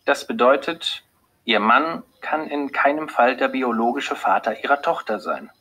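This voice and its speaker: A man reading an audiobook, voicing a composed, earnest female lab doctor who delivers hard news calmly and hesitantly, with a husky voice. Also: mid-range voice, measured pace, slight background noise, pitched above the performer's own voice, rough recording. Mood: grave. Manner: calm, earnest, hesitant when giving bad news. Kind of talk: audiobook character voice.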